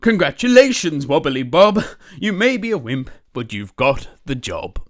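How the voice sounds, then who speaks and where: A woman voicing a fussy, hungry, commanding male king with slow, emphatic, bossy delivery in a children's storybook. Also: deep voice, big pitch swings. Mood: delighted.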